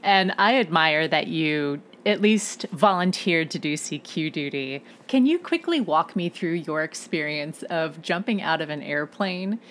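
A woman with a somewhat low voice conducts an interview. She affirms the guest's story warmly and moves on to the next question. A faint background noise sits under her voice. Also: expressive, a little slow, few pauses.

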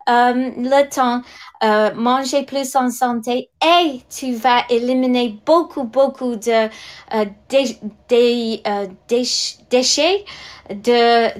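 An English woman in her sixties, a direct sales leader, gives testimony on a podcast. English is her first language, and she speaks slowly and hesitantly, with many fillers and restarts. Her voice sits on the high side.

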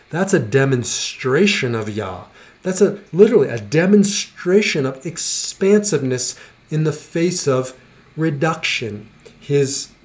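A man hosting a podcast in a reflective spiritual talk, earnest and teacherly, pausing and repeating words for emphasis, close to the microphone. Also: medium pitch, a little mellow. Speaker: podcast host.

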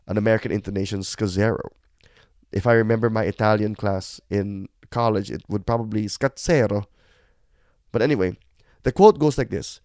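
A man's voice: on the low side, a little mellow, no echo, clean studio sound. A middle-aged man, hosting a reflective podcast monologue in a candid, self-deprecating, conversational way. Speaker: podcast host.

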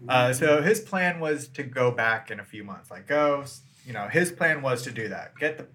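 A man's voice: medium pitch, lively intonation, normal speed, fairly bright tone. A man hosting a podcast, telling a history story in a laid-back, joking chat style. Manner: laid-back, loose with fillers and jokes.

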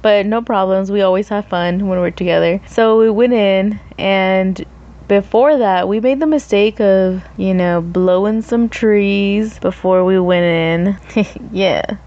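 A chatty young woman vlogging about her weekend, loose and self-mocking, with laughs breaking in. Her voice sits at an ordinary middle pitch. The recording sounds a little dull and lo-fi. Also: steady tone, a little slow, dark tone. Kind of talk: casual storytelling chat.

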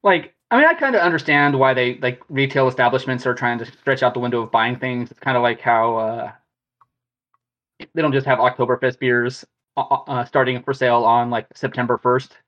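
A podcast co-host chats casually, rambling and dropping slang. His voice is medium-pitched and fairly bright, and he talks briskly. The audio has a dull, lo-fi quality.

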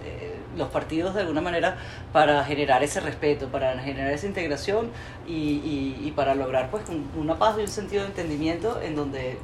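Effusive and opinionated, a woman hosts a casual interview, her long sentences flowing one into the next. Her voice is low-pitched and a little fast. Faint ambient noise and echo fill the room.

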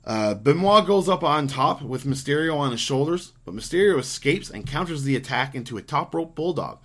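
A man's voice: a little high, lively intonation, fairly quick, a bit bright. A man co-hosting a podcast, recapping old wrestling shows in a casual, rambling way, swearing freely and laughing often. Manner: rambling, profane, laughs often, frequent fillers. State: hiccuping. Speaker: podcast co-host.

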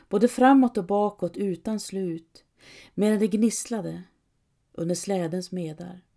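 A woman narrating a story in the first person, in a measured, intimate storytelling manner. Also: fairly low pitch, warm tone. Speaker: audiobook narrator.

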